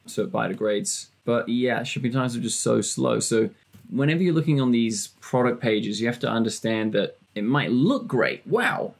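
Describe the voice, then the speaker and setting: Male presenter for a walkthrough, husky and gravelly, loose and jokey, pokes fun at himself. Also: mid-range voice. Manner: chatty, self-deprecating and joking. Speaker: tutorial presenter. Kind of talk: casual screen-share walkthrough.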